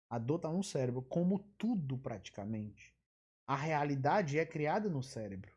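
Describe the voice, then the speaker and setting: A woman's voice: lowish voice, darkish tone. A woman giving a live online physiology lecture. She explains by repeating key terms, wanders into asides, and throws in emphatic rhetorical questions.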